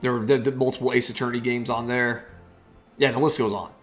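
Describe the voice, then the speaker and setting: A man's voice: mid-range voice, flat delivery, brisk, soft background music. A man hosting a gaming video with casual, chatty live commentary.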